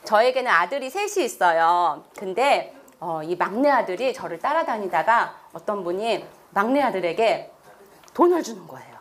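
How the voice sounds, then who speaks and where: A middle-aged woman missionary giving a sermon in a church, animated, telling stories and quizzing the congregation. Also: mid-range voice, moderate pace, a little hiss or hum. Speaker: missionary preacher. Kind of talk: sermon with prayer and congregation call-and-response. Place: church sanctuary.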